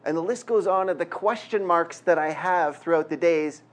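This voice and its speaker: In a conversational sermon woven with prayer and self-deprecating jokes, a middle-aged man from Quebec speaks with a Canadian accent as guest preacher. His voice is a little high and moderately paced.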